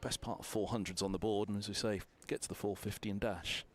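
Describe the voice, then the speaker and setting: A man's voice: on the low side, fairly even intonation, fast talker. A man commentating on cricket from a balcony box, chatty and analytical, thinking aloud through scores with fillers.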